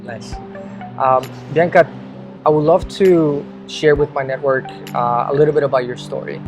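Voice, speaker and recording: Hosting a casual interview as a video intro, this man sounds upbeat and encouraging, often starting his questions over. His voice is slightly high and steady at a normal speed, with soft music in the background.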